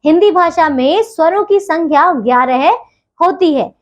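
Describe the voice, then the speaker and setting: A woman with a high, light voice teaches a grammar lesson to children. She is patient and spells sounds out slowly, checking in with the class again and again. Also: lively intonation, muffled recording.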